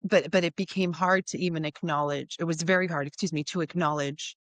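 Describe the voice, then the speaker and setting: A woman guest therapist speaks in a low voice, reflective and a little halting as she restarts her sentences. The recording is dry and close. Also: fairly even intonation, no echo. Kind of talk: casual chat.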